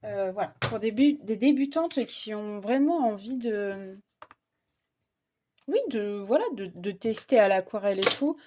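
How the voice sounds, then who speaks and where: A woman's voice: mid-range voice, measured pace, darkish tone, dull audio, slight background noise. A young woman chatting casually while coloring at her desk, hesitant and full of fillers and restarts. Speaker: vlogger. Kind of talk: casual coloring vlog chat.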